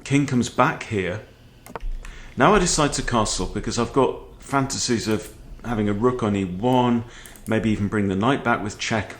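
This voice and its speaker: A man's voice: on the low side, normal speed, a little hiss or hum. A man in his forties giving casual chess game commentary in a conversational way, often checking in with short questions. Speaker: chess video host. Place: book-lined room at home, indoors.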